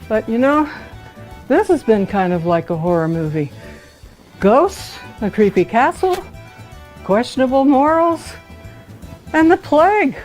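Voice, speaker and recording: A naive, chatty female tourist from a campy film comedy, acted by a woman. Her voice sits fairly high, with some music behind her. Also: sing-song, measured pace, long pauses, darkish tone, low-quality recording. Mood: wry complaint.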